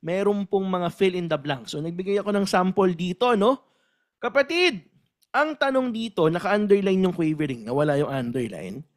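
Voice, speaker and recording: A man coaching exam takers in a lecture, switching between Tagalog and English, emphatic and animated, often asking questions and acting out examples. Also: on the high side.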